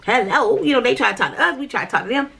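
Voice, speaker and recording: A woman vlogger talks rapid-fire in a high-ish, gravelly, husky voice with a sharp tone and lively intonation. Speaking directly to viewers, she recounts her spiritual journey in a candid, rambling way, heavy on fillers and repetition.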